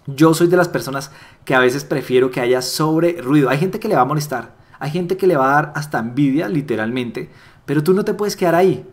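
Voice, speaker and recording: Man, fairly high voice, lively motivational coaching, repeats phrases. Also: a little fast. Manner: animated, acts out little dialogues with voice shifts; repeats key phrases for emphasis. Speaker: network marketing trainer. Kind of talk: motivational sales training talk.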